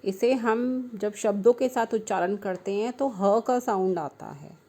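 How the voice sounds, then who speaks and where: A young woman teaching small children in a patient, unhurried way, breaking words into single sounds. Her voice is mellow and warm, and she speaks slowly. She talks to the children affectionately. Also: mid-range voice. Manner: slow, patient, spelling out sounds syllable by syllable; affectionate, calls the children "beta". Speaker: primary school Hindi teacher. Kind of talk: online class lesson for young children.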